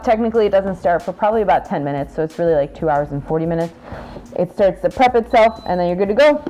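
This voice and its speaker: In a rough recording, a woman with a mid-range, darkish voice cooks in her home kitchen while chatting playfully to the camera. She is a cooking vlogger in her thirties whose first language is Spanish, with Puerto Rican and Mexican roots, and she laughs often as she talks to viewers.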